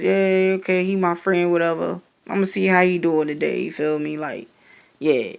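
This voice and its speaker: A woman's voice: lowish voice, vocal fry. A young woman telling a personal story in a casual, profane and sarcastic rant, acting out the exchanges. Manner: profane, sarcastic, animated retelling with quoted exchanges.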